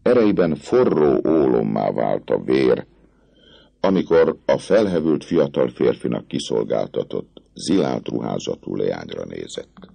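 A man reading a classic novel aloud as an audiobook narrator, in an expressive, dramatic way. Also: rumbling low, creaky, husky, no echo, dull audio.

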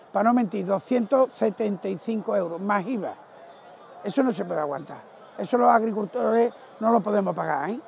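Gravelly high-voiced farmer outdoors. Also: male voice, a little mellow, a little hiss or hum. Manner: frustrated, emphatic complaints. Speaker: cotton farmer. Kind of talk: field interview. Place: outdoors in a cotton field.

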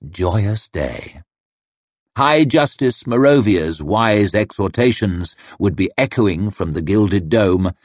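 Male audiobook narrator, unhurried, expressive, low, close dry sound. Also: dry recording. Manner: measured, expressive storytelling. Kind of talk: scripted narration.

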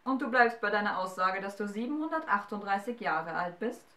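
Eine Frau spricht einen stolzen, befehlsgewohnten Feuerriesen mit drohendem Ton. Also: female voice, medium pitch, lively intonation, fairly quick, bright, forceful tone, reverberant, distant mic. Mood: fordernd. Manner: commanding, menacing. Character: fiery male giant ruler, proud and threatening.

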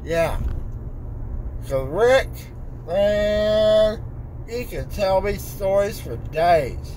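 A man's voice: sits high, expressive, extremely slow, darkish tone. A teenage boy, loopy and groggy after wisdom teeth surgery, rambling insistently and repeating himself in casual chat. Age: teenager, fifteen. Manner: insistent, repetitive, unfiltered. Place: inside a car. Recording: noisy car interior.

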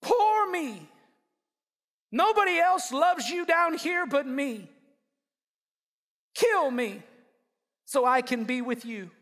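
A worn-out prophet, put on by a male preacher, whines and begs in a high, nasal-bright voice full of melodrama. The words come out wheedling and pitiful. A long hall echo trails after each phrase. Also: lively intonation, takes it slowly, vocal fry, pauses often, full character voice. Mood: self-pitying. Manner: whiny, pleading, melodramatic. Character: weary self-pitying prophet, adult man.

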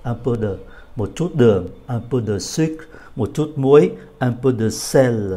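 Man, language teacher, slow careful reading, mellow dark tone, patient lesson delivery. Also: mid-range voice, lively intonation. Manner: slow careful French readings between quick explanations. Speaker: French teacher.

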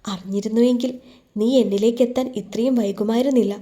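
A woman's voice: a little high, steady tone, a little fast, mellow, natural voice. A woman voicing a playful young husband who teases his bride and speaks earnestly of his love, in a storybook reading. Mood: tender. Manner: playful teasing turning earnest. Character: young man, teasing, devoted husband in love.

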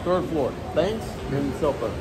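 A middle-aged man with a fairly high, lively voice talks a little slowly while filming a casual travel vlog at arm's length on a handheld camera. He chats and rambles, laughing often and restarting himself, with music behind him. He moves between outdoor spots in a village and the inside of a shopping mall.

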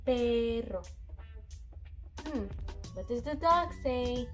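A woman's voice: on the high side, animated, drawn-out words, faint music behind. A woman in her thirties giving a simple children's language lesson, encouraging as if talking to a toddler. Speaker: bilingual teacher for toddlers. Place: small room indoors.

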